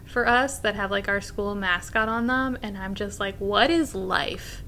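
A woman co-hosting a podcast, a teacher chatting casually, animated and laughing often as she acts out what she said. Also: medium pitch, moderate pace, slight background noise. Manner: animated, laughs often, acts out her own past remarks. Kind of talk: casual chat.

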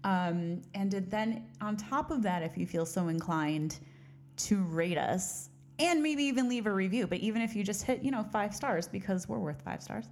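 A co-host on a casual podcast speaks in a medium-pitched, expressive, darkish voice at a normal speed, with a slight hiss or hum behind her. She rambles, giggles a lot and pokes fun at herself, laughing often as she chats. She's recorded on a studio mic while wearing headphones.

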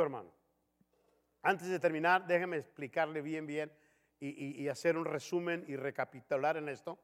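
A man preaching a sermon as pastor in a church, animated, acting out the voices of people in his examples. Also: on the high side, long reverb tail. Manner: animated, acts out dialogue voices.

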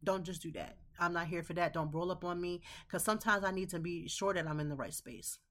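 A woman's voice: on the low side, steady tone, a little fast, a bit bright. A woman in her thirties hosting a podcast, speaking in an emphatic, preachy way with slang. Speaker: podcast host. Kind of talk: casual motivational monologue.

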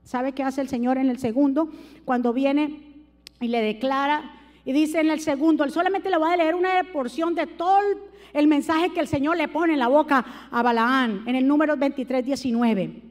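A woman preacher giving an evangelical sermon to her congregation, moving between hushed asides and loud, drawn-out shouted appeals and putting questions straight to her listeners. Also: high-pitched. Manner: addresses the congregation directly with questions. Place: church sanctuary. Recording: long hall reverb.

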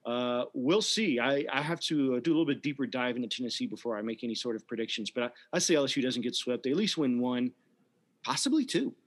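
A man's voice: medium pitch, fast, hardly any pauses. Opinionated man chatting casually. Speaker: podcast co-host. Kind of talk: casual sports chat.

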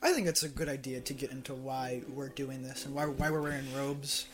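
A man's voice: mid-range voice, fairly even intonation, brisk, a bit bright. A young man hosting a casual podcast chat, rambling with fillers and laughing often. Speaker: podcast host.

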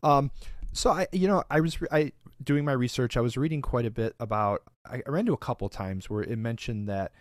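A man's voice: mid-range voice, brisk, dry recording, clean studio sound. A man hosting a podcast, asking long, loose questions and laughing easily. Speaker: podcast host. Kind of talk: casual interview.

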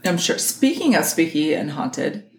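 A chatty woman co-hosts a casual podcast, laughing easily. Her voice swings up and down with lively melody. The room around her is echoey, with a faint hum of ambience. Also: sits low, unhurried. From American South. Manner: giggly, chatty, laughs often. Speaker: podcast co-host. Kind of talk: casual chat.

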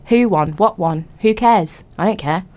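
A British woman hosting a casual radio chat, with a teasing, expressive way of talking. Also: mid-range voice, measured pace. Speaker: radio host and podcast presenter.

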